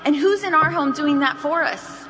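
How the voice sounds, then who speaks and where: Bright, animated woman coaching a crowd. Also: sits high, moderate pace, in a large hall, a little hiss or hum. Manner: energetic and animated, acts out phone calls in shifting voices. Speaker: sales trainer. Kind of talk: motivational training talk to a live audience. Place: large hall with an audience.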